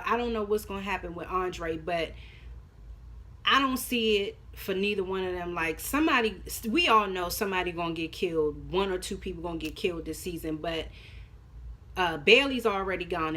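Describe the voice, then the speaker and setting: A woman's voice: on the low side, a bit bright. Woman recapping a TV episode, slangy and blunt. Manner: candid, profane, slangy commentary. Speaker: TV show reviewer.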